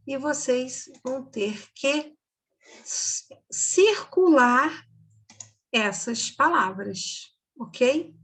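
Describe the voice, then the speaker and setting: A woman teacher giving a slow, patient recorded reading lesson for children, repeating words and checking in with "ok?". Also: on the high side, fairly bright tone, husky.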